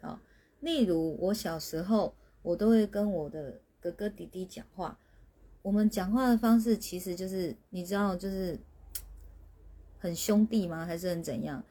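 A woman, a spiritual teacher on a livestream, explaining patiently as her phrases trail off softly. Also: lowish voice, moderate pace, breathy edge. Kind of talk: livestreamed talk answering questions.

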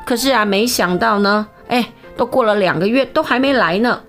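A woman's voice: fairly high pitch, moderate pace, a bit bright, faint music behind, voice pushed up. A woman voicing a mild man from an ancient tale, explaining in a chatty way. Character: host man explaining his guest maid, mild.

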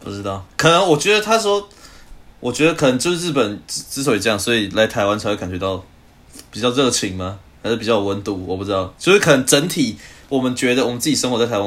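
A man's voice: lowish voice, fairly bright tone. A man from Taiwan co-hosting a podcast in casual chat, dry and wry, keeping the talk on track. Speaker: podcast co-host.

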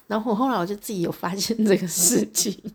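A woman's voice: medium pitch, quick pace, darkish tone, breathy edge. A woman hosting a podcast, telling personal stories in a chatty way, laughing often and acting out little conversations. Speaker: podcast host. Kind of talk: personal reflective monologue.

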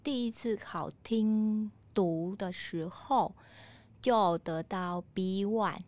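A woman's voice: medium pitch, slow, darkish tone. A woman from Vietnam with a Vietnamese accent, a foreigner speaking Mandarin as a learned language in short phrases, telling her story conversationally as an interview guest. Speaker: calligraphy artist, interview guest.

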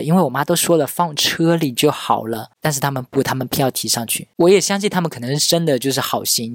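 A man's voice: mid-range voice, no echo, clean studio sound. A man in his thirties hosting a podcast, telling a family story in a chatty, casual monologue. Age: 30s. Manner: chatty, acts out relatives' quoted lines. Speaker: podcast host.

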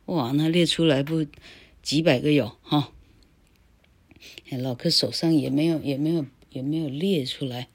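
An older woman giving a casual online English lesson. She rambles and tags her phrases with a habitual "ha," and chants rules slowly, syllable by syllable. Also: sits low, steady tone, breathy edge. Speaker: English teacher.

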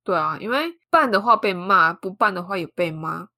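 A woman's voice: medium pitch, moderate pace. A woman with a Taiwanese Mandarin accent chatting casually and slangily, mixing in English words. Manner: slangy, animated reactions.

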